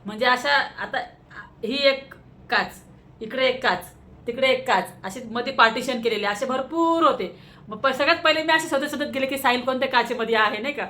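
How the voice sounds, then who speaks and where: A woman's voice: sits high, normal speed, sharp tone. A woman with a Marathi accent, vlogging casually about a personal matter, telling it in an emotional, rambling way with many fillers, recorded on a phone at home.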